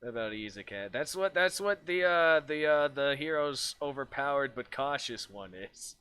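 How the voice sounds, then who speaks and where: A man's voice: medium pitch, lively intonation, moderate pace, sharp tone, clear, resonant tone. A man streaming as a virtual streamer in casual chat, laughing often, swearing freely and rambling with restarts.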